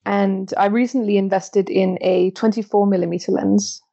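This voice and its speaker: A woman's voice: medium pitch, steady tone, moderate pace, gravelly, dark tone, dull audio. A woman in her twenties from Belgium, a podcast guest who talks chattily and often breaks off to restart her thoughts. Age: 20s. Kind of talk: interview conversation.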